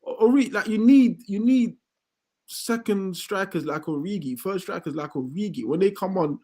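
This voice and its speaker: A man, a football fan ranting in heated casual chat, swearing often and building to loud outbursts. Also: high-pitched, animated, moderate pace. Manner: swears a lot, rants with rising outbursts.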